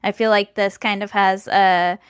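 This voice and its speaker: Giggly, chatty woman with a smooth voice. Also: mid-range voice, level tone, moderate pace, no echo, studio quality. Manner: chatty and giggly, laughs between phrases. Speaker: podcast guest. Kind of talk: casual podcast chat.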